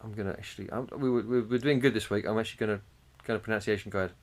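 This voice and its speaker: A man's voice: fairly low pitch, fairly even intonation, rapid-fire. A man, co-hosting a casual podcast chat, swearing freely and chuckling as he talks. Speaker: podcast co-host.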